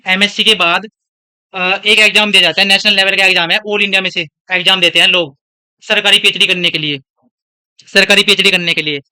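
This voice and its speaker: A man's voice: high-pitched, fairly even intonation, fairly quick, bright, forceful tone, smooth. A young man from India teaching a classroom lesson. He talks in a chatty, scolding way and drifts into stories about himself between points. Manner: scolding, chatty, switches between lecture and anecdotes. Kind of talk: classroom lecture.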